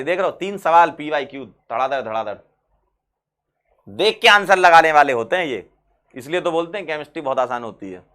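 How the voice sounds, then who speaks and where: Bright, lively chemistry teacher. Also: male voice, fairly high pitch. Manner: lively, repeats key phrases, asks and answers his own questions. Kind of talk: exam-prep chemistry lesson.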